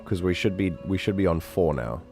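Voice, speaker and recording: A man's voice: low voice, expressive, a little fast, creaky, a little mellow, faint music behind. A man chatting casually as he streams a game, in a rambling, hesitant way. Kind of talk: casual livestream chat.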